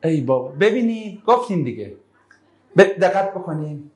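A male religious teacher with a fairly high-pitched voice gives a classroom Quran lesson, reciting verses slowly and explaining them in everyday speech. He calls on students again and again, brushing off one answer after another, and grows lively and animated when making a point.

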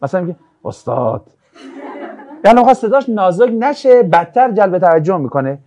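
A man teaching a religious ethics class, lecturing casually and acting out anecdotes with jokes. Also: high voice. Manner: lively, jokey, acts out anecdotes.

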